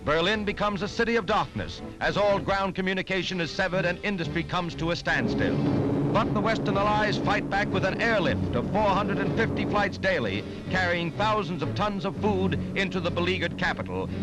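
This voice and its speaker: Over orchestral music on a 1940s newsreel soundtrack, a high-voiced American man delivers scripted narration at a normal pace. His tone is animated, urgent, emphatic and declamatory, and the recording quality is low.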